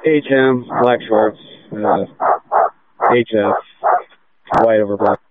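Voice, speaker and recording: Give me a low, flat-voiced man officer talking over a two-way radio. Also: slow pace, very noisy. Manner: clipped, reads codes and spells names phonetically. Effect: heard over a two-way radio. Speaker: police officer. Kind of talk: police radio traffic. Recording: tinny dry radio transmission.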